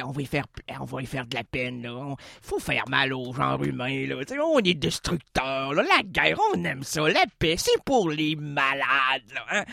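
A man's voice: fairly high pitch, creaky, dry recording, clean studio sound. A man doing a comic monologue full of puns, who keeps interrupting himself. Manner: animated, wordplay-heavy, self-interrupting. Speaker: comedian.

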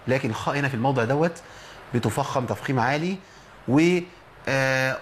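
A man with an Egyptian accent teaching Quran recitation on a program, explaining patiently and drawing out example words slowly. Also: medium pitch, fairly bright tone. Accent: Egyptian Arabic. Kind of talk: tajweed lesson on a program.

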